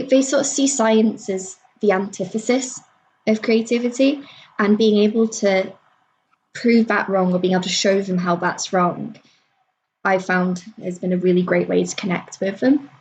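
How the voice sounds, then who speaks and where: With faint background noise behind her, a young woman speaks at a middling pitch. She explains things in a measured, reflective, conversational way. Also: a little mellow, rough recording. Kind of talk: casual panel discussion.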